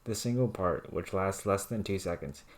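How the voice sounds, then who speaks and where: Deep-voiced man reading in a deadpan monotone. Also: normal speed. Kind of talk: reading written rants aloud.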